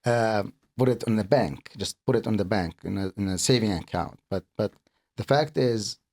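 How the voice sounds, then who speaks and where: A middle-aged man from Kuwait, a guest speaking in a casual interview, earnest and halting, often repeating words as he explains. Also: fairly low pitch, a little mellow. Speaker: podcast guest, accountant and business owner.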